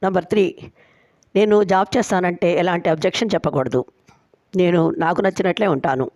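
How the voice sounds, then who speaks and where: A woman storyteller voicing a bossy, sharp-tongued young woman who sets firm terms for her marriage. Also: lowish voice, brisk, no echo, clean studio sound, lightly acted. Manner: firm, teasing, laying down conditions.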